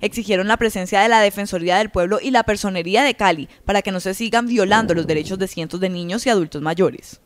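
A young woman reporting for a news program in a measured, formal way, into a handheld mic outdoors. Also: mid-range voice, a little hiss or hum. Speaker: field reporter. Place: outdoors on a city street.

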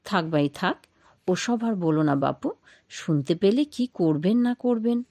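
Lady doing a shy nervous young wife, soft quiet voice, dry close sound. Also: lowish voice, lively intonation, unhurried, no echo. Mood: fearful. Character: timid, soft-spoken young sister-in-law.

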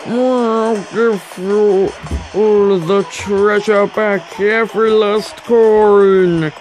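A woman's voice: medium pitch, fairly even intonation, a little mellow, slight background noise, voice pushed up, low-quality recording. A woman voicing a cowardly, apologetic male genie from a video game, in a pleading manner. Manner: slow, pleading. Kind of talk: reading game dialogue in character.

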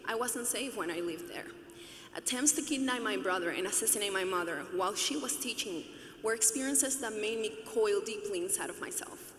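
A woman's voice: mid-range voice, fairly bright tone. A young woman from Venezuela speaks at a podium in a big arena, earnest and chatty, with a touch of humor. Her voice carries a roomy echo and a long hall reverb, with a faint ambient hum underneath. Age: 20s. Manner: earnest, conversational, lightly humorous. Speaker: student commencement speaker. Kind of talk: graduation speech. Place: large arena stage, at a podium. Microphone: podium microphone.

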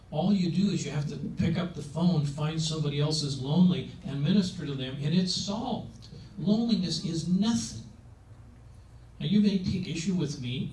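His voice now sits on the high side and sounds warm as the man in his seventies continues his emphatic, chatty sermon on aging, posing rhetorical questions. The recording is distant and roomy, with faint noise, from a handheld mic in a meeting room.

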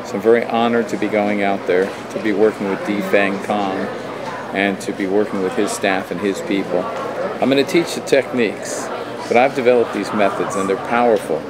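Recorded from far off over a noisy crowd, this man in his fifties uses a fairly low, steady voice at a moderate pace. As a hypnotist he pitches his training emphatically and repetitively to camera and performs a live demonstration in a hotel room and an airport, with echoing camera audio.

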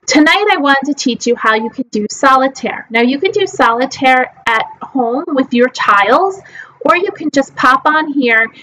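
A woman's voice: high voice, animated, moderate pace, pushed and bright, rough recording. A woman in her forties teaching a live online class at a webcam, explaining step by step with frequent ums. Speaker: mah jongg teacher.

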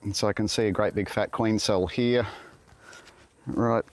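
A man's voice: lowish voice, fairly even intonation, unhurried, darkish tone, no room sound. A middle-aged Australian beekeeper talking casually to camera in an outdoor garden, muttering self-deprecating asides as he works. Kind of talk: casual hands-on talk to camera. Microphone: camera on tripod.

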